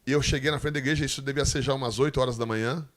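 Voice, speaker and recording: A Brazilian man with a Brazilian Portuguese accent telling a lively missionary testimony, laughing as he tells it and acting out the people in the story. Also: medium pitch, racing. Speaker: missionary guest speaker.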